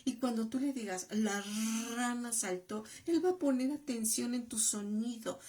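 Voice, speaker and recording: A middle-aged woman giving parenting advice in a slow, emphatic way. She repeats phrases and drops to a whisper to stress a point. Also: a little high, dark tone. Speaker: parenting educator and channel host. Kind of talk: parenting advice talk to the camera.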